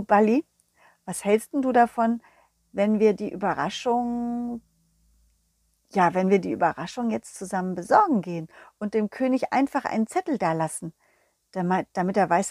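A woman narrating a children's audio story as a friendly young dog, speaking warmly and sing-song straight to the kids. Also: medium pitch, dry recording, studio quality.

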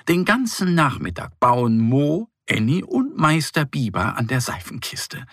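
A man reads a children's story slowly, with a lively, swinging melody and a gravelly, husky texture. His tone is bright and gentle, and the sound is close and dry. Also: medium pitch, no room sound. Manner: gentle, expressive reading. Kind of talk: scripted children's story narration.

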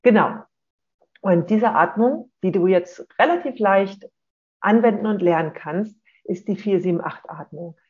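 A parenting coach giving a calm, explanatory talk to parents and often checking in with a short "ja?". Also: medium pitch, measured pace. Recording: dull lo-fi recording.

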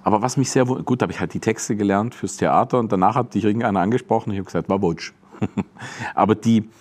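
A man's voice: lowish voice, quick pace. A German comedian with a German accent, chatting casually and acting out quotes in his anecdotes. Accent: German Standard German. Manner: animated storyteller acting out quotes.

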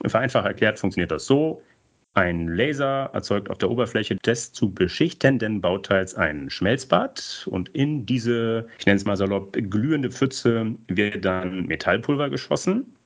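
A man's voice: lowish voice, expressive, unhurried. A man hosting a podcast, reading a scripted introduction and putting questions to his guests, with playful wordplay. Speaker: podcast host.

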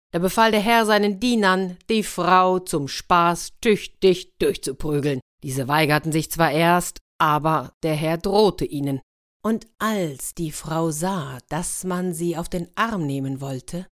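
A woman telling a fairy tale in a lively way, turning to her listeners with questions. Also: lowish voice. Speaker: storyteller.

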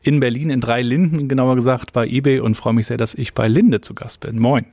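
A man's voice: medium pitch, fairly even intonation, a little fast, darkish tone, no echo, studio quality. A middle-aged man hosting a podcast, chatty and friendly, with frequent fillers. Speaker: podcast host. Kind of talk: casual interview chat.

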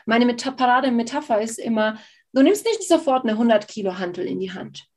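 Husky-voiced German woman coach, a touch high, lively, conversational interview. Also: fairly quick. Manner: animated, acts out quoted voices, laughs often. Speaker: Human Design coach.

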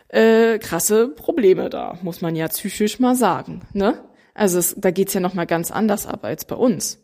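A woman in her thirties speaks casually and directly to her viewers. She is animated and emphatic. She often acts out the voices of other people. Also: mid-range voice. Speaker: mother of three. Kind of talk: casual talking to camera.

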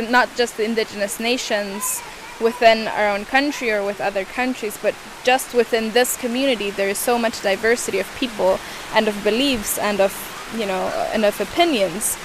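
Her mid-range voice comes through a noisy background as she, a young woman who learned English as another language, responds to interview questions. She's thoughtful but hesitant, often groping for words and starting over.

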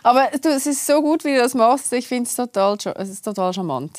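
A woman's voice: fairly high pitch, animated, brisk, a little mellow, no echo. A woman interviewing informally in a conversational style, now and then switching into English to clarify.

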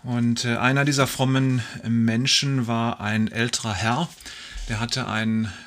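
Male joke teller, bright tone, fry-heavy, unhurried storyteller with fillers. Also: mid-range voice, flat delivery. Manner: leisurely storytelling with fillers, acting out the voices. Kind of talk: telling jokes to an audience.

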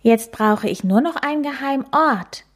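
A woman's voice: high voice, animated, pitched above the performer's own voice. A woman voicing a bored, sulky little boy coati who whines and complains. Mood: eager. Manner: whining, drawn-out complaining.

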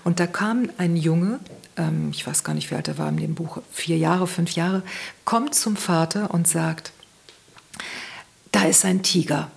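A woman guest in a conversational interview, giving parenting advice in a thoughtful, gently explaining way and searching for words as she goes. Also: lowish voice, measured pace, creaky, slightly rough.

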